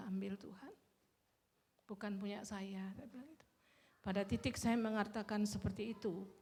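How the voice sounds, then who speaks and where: A woman preaching in a relaxed, chatty way, often tagging her sentences with little checks to the congregation. Her voice has a gravelly edge of vocal fry, and it rings out with a long reverb from a church hall. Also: mid-range voice. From Indonesia. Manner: conversational preaching, keeps adding "ya" and "kan ya". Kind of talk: sermon. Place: church sanctuary.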